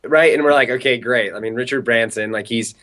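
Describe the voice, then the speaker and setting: A young man tells a story as an interview guest. His delivery is chatty and animated, full of casual filler words. His voice sits at an ordinary middle pitch. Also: a little fast. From Southern California.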